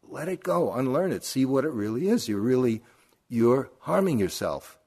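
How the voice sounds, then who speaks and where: A man's voice: medium pitch, big pitch swings, moderate pace, darkish tone, husky. An older man, a meditation teacher giving a dharma talk at a retreat, telling stories conversationally and asking rhetorical questions.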